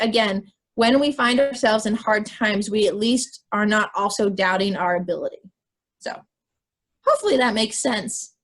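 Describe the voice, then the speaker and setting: A woman with a squeaky voice giving a chatty, encouraging wellness talk to students over a video call, full of fillers. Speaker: wellness presenter. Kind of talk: informal presentation to students.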